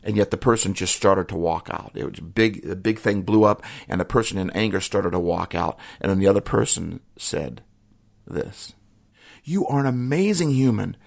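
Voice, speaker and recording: A middle-aged man hosting a solo podcast, talking in an earnest, emotional way, often trailing off quietly at the ends of his thoughts. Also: low-pitched, normal speed, gravelly. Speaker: podcast host. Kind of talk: reflective solo podcast talk.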